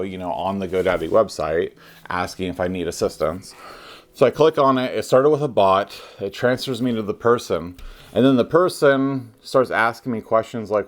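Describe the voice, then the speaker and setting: Deep-voiced man rambling to camera. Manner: rambling, many ums and restarts. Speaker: vlogger. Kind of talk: unscripted casual vlog to camera.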